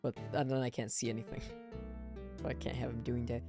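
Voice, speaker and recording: Woman streamer, casual chat, low voice, game music behind. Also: level tone, a little fast. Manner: laid-back, chatty, laughs softly. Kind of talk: casual chat while gaming.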